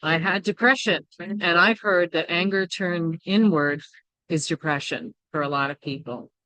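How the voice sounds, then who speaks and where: A woman with a lowish, fairly bright voice presents a workshop a little slowly, in a dry recording. Her personal teaching talk is candid and reflective, peppered with "right?" and "you know" as she checks in with listeners.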